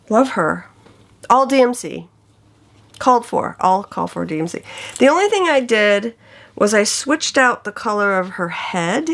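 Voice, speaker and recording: A woman vlogging casually about her cross-stitch projects, gushing with enthusiasm over patterns and colors. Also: on the high side. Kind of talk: casual show-and-tell chat.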